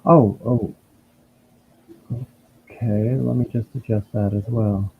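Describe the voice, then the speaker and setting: A man's voice: on the low side, steady tone, slow, gravelly, slight background noise. A man chatting casually on a live stream while fixing his audio; his voice sounds muffled, as if heard through a wall, from a poor built-in computer microphone. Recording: muffled lo-fi internal computer mic.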